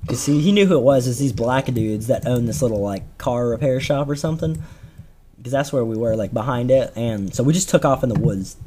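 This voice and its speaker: A man's voice: mid-range voice, fairly quick, mellow, slight background noise. A teenage man telling a rambling, slangy story on a casual podcast, with lots of fillers and restarts. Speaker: podcast co-host.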